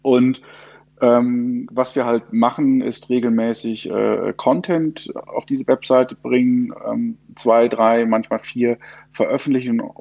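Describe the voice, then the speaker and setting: A man's voice: medium pitch, a little mellow, no echo. A man talking in a casual podcast conversation, explaining with frequent fillers. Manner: gravelly, hesitant with fillers. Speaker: podcast guest, co-host of finance podcast. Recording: dry and dull, lo-fi.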